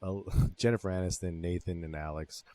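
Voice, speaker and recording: A man's voice: low voice, fairly even intonation, a little fast, mellow, no room sound. A man co-hosting a podcast, retelling a horror film's plot in casual, profanity-laced chat. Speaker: podcast co-host. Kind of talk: casual movie-recap chat.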